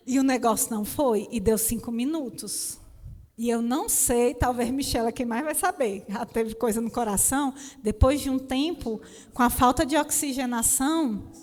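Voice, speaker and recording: A Brazilian woman preacher giving an animated sermon with a personal testimony, often calling out to the congregation as brothers. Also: sits high. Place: church hall. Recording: reverberant church hall.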